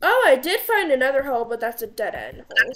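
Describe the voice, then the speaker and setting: A woman's voice: high voice, sing-song, quick pace, a crowd in the background. A woman chatting casually while playing a video game at home, joking at her own expense and swearing freely. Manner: swears freely, jokey, self-mocking. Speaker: gamer. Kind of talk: casual gaming chat. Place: home apartment. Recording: background noise with mouse clicks.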